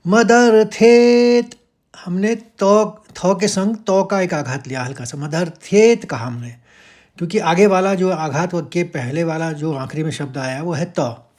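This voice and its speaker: High-pitched guy w walking thru verse pronunciation real slow, chanting bits. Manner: explains syllable by syllable, chants verses slowly and louder. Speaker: Sanskrit recitation teacher.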